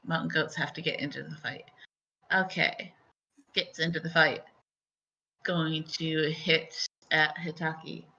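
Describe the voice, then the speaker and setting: A woman's voice: low voice, level tone, creaky, bright, forceful tone. A woman narrating a tabletop game as game master, casual and a little hesitant. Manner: casual, hesitant with fillers, quick laughs. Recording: dull lo-fi sound.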